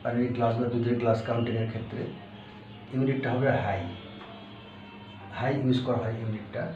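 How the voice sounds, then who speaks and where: A man teaching a language lesson, explaining step by step and repeating each word slowly, with fillers. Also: mid-range voice, flat delivery, music in the background. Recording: echoey room, far from the mic, dull with faint hiss.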